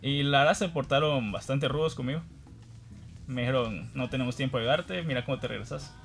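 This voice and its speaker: A man's voice: mid-range voice, fairly quick, gravelly, faint music behind. A man from Guatemala, a guest on the program, telling a personal anecdote in a casual, self-deprecating way, laughing now and then.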